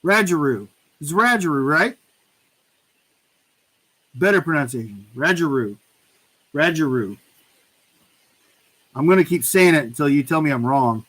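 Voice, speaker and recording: A man chats through a live stream giveaway in an unhurried, drawn-out way. His voice sits noticeably high for a man. He is chatty and keeps circling back to repeat himself playfully. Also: expressive, fairly bright tone, low-quality recording. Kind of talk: casual live stream chat.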